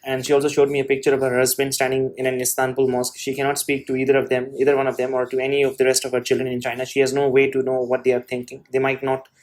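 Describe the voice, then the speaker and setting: A man reads an essay aloud for his show and keeps stopping to comment on it. His delivery is halting, with restarts and a steady stream of "you know" fillers. His pitch stays level and narrow, and his voice sits at an ordinary middle height. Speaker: host.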